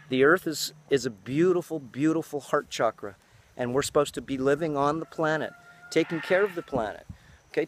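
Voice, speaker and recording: A man's voice: medium pitch, a little hiss or hum. A man in his fifties giving an outdoor lecture on a farm, often adding "okay?" after his points. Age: 50s.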